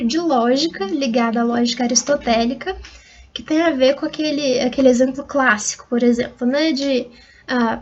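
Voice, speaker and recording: High-voiced Brazilian woman lecturing. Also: muffled recording. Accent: Brazilian Portuguese. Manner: patient, methodical, spells out rhyme schemes letter by letter. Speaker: university literature lecturer. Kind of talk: recorded online lecture.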